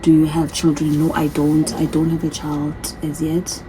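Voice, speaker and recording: This vlogger, a woman in her thirties from another continent, speaks in a low, monotone voice at normal speed. Recording on her phone amid background noise, she reads get-to-know-me questions aloud and chats casually, often repeating her answers.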